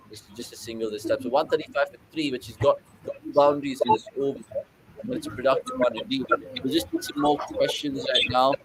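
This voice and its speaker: A man's voice: medium pitch, slight background noise, poor audio. A young man with a British accent hosting a live cricket watchalong, chatting with co-hosts, calling shots and reading out viewer questions.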